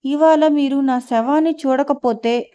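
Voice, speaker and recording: Audio novel: woman voicing a fierce proud housewife, scolding and confrontational, high-pitched, lo-fi. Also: fairly even intonation, unhurried, warm tone. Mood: angry. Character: furious middle-aged wife, sharp-tongued, proud.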